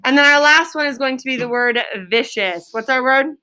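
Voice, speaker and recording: Her voice sits high and comes across brisk, bright, forceful and clean as this woman teaches children to read. The elementary teacher explains simply, goes over key words again and again, and quizzes the class.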